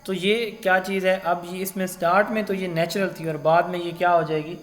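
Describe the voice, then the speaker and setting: A man delivers a recorded lecture. His voice sits a little high, and he keeps asking questions and working through everyday school examples. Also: flat delivery. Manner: explains with classroom examples and quiz questions.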